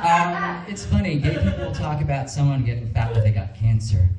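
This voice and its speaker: A man's voice: medium pitch, sing-song, fairly quick, darkish tone, far from the mic. Self-mocking male stand-up comic. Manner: self-mocking, with many ums and uhs. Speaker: stand-up comedian. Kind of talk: stand-up comedy. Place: comedy club with live audience. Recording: roomy stage sound from afar.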